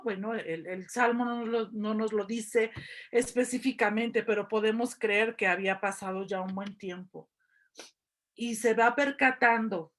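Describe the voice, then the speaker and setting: A middle-aged woman lecturing on scripture, explaining slowly and deliberately over presentation slides. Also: fairly high pitch. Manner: slow, deliberate, thoughtful explanation. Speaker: biblical studies lecturer.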